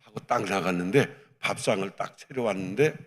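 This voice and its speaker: A male pastor telling a lively personal story in a sermon, acting out the dialogue as he goes. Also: fairly low pitch, normal speed, big-room sound. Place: church hall.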